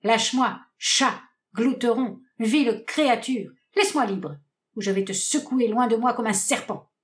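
A woman's voice: fairly high pitch, unhurried, reverberant, lightly acted. A woman voicing a harsh, scornful young man rejecting his sweetheart in a read-aloud stage comedy, curt and declamatory. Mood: disgusted.

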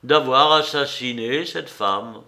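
A man voicing a severe police commissioner who questions a suspect sharply and loudly. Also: mid-range voice, slow pace, gravelly, heavily acted. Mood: pressing. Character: stern, probing male police commissioner.

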